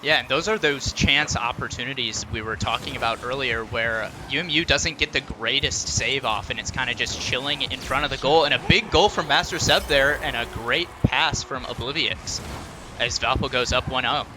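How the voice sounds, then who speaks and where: A man giving esports color commentary, relaxed analysis with plenty of ums and uhs. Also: mid-range voice, normal speed, background noise. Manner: relaxed analysis with many fillers.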